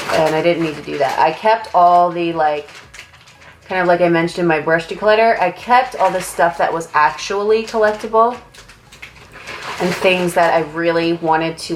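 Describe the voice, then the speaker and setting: In a rough recording with slight background noise, a young makeup artist does her makeup at home and chats in a get-ready-with-me style. Her voice is lowish and fairly bright, stuffed up and nasal from a cold. She rambles casually and leans heavily on "like."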